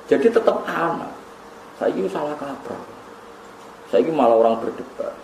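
A man's voice: on the high side, expressive, normal speed, darkish tone, echoey room, slight background noise, rough recording. A man with a Javanese accent preaching a sermon, telling stories with laughter and reciting Arabic verses. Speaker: Islamic preacher. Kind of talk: sermon to a gathering.

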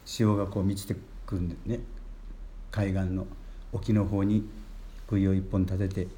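Older priest preaching in a low voice. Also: male voice, little pitch movement, unhurried, slight background noise. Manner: gentle storytelling preacher, rising emphasis on key words. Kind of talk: sermon.

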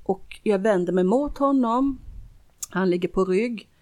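A woman's voice: medium pitch, a little mellow. A middle-aged woman, a guest, telling a personal story earnestly in casual conversation, with frequent restarts. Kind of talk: casual interview talk.

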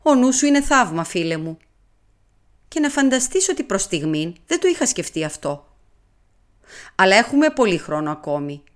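A vain, fastidious Belgian detective, as a woman reader puts him on, fussing over manners and dinner. He drops French words into his speech, and his voice rises and falls in lively swings. It is an audiobook reading. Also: mid-range voice, lightly acted. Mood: fussy. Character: fussy Belgian male detective, vain and polite.

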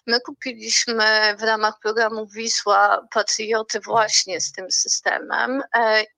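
A woman calls in over a landline phone as an expert guest. Her voice is bright and tense, and her delivery is slow and halting, with frequent pauses and fillers. The sound is dry, with no room around it. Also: a little high, flat delivery, creaky, no echo. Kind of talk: phone-in interview commentary.

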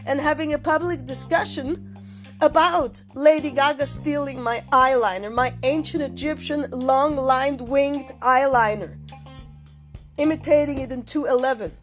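A woman from Switzerland delivering an angry, swearing monologue to her listeners, dropping to low mutters and then bursting out loudly. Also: measured pace, faint music behind. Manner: angry ranting, heavy swearing, swings from low mutters to loud outbursts.

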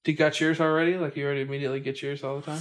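A young podcast host talks rapid-fire in a fairly high, flat voice during an informal chat. Hesitation runs through his speech, with frequent stammers and restarts.

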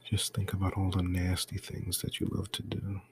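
A man doing an intimate ASMR role-play right in your ear, breathy and coaxing, close to the mic. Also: monotone, moderate pace, a little hiss or hum. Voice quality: breathy, mostly soft-spoken low voice.

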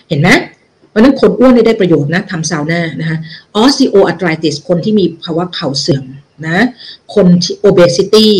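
A woman's voice: fairly low pitch, a little mellow, rough recording. A woman giving a lecture on a research paper, explaining it step by step in a loose, self-correcting way. She mixes English medical terms into her talk and keeps checking that listeners are following. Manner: explanatory, with frequent check-in questions. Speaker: health educator.

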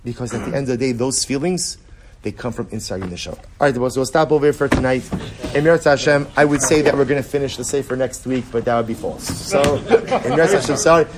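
A man's voice: medium pitch, quick pace, background noise. Man teaching a casual religious class. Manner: repetitive, rhetorical questions, animated. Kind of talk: informal lecture to a small group.

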